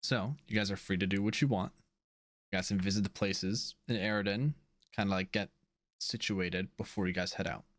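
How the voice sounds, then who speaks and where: A man's voice: deep voice, steady tone, moderate pace. A man running a tabletop game as game master, narrating casually with lots of fillers.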